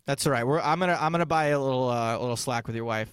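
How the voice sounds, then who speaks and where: A man's voice: mid-range voice, clear, resonant tone, no echo. A man hosting a poker radio show, chatting casually and cracking jokes between announcements. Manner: joking, quick banter.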